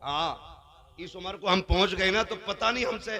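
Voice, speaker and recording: Man preacher, high-ish gravelly voice, goes hushed then yells. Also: normal speed. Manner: dramatic, swinging from hushed asides to shouting. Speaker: Islamic preacher. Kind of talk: sermon.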